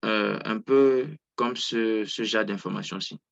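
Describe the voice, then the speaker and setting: A man's voice: fairly low pitch, takes it slowly, creaky, dull audio. A man coaching on trading over a video call, explaining in a hesitant, casual way with frequent fillers. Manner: hesitant, many fillers and restarts. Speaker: trading coach hosting a Zoom session.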